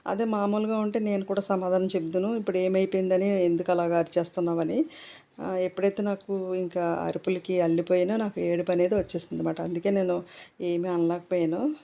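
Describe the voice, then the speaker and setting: A woman's voice: lowish voice, level tone, fairly quick, vocal fry, warm tone. A middle-aged woman vlogger chatting casually to her viewers, rambling with many fillers. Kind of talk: casual chat.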